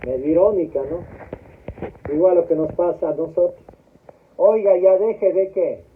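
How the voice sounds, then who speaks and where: A man's voice: high-pitched, a little slow, slight background noise. A man giving a memorial homily as a priest, putting questions to the congregation and waiting for them to answer. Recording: tinny phone-like sound.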